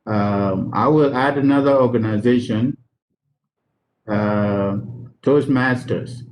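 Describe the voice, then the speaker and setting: A man from South Sudan with a South Sudanese accent, a guest engineer giving students career advice in a slow, halting way, often repeating words. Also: medium pitch, darkish tone, slight background noise, low-quality recording.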